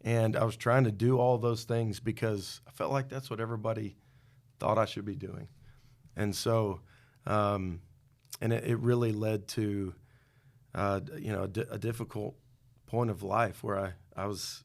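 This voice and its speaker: A man's voice: fairly low pitch, steady tone, normal speed, gravelly. A middle-aged man, a podcast guest, telling his own story in a candid, reflective way with some self-deprecating humor. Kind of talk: personal testimony in a podcast interview.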